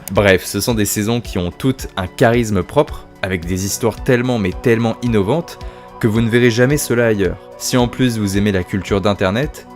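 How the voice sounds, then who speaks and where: A man hosting his own video review, talking casually about horror series with swearing, self-mocking asides and enthusiasm. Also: on the low side.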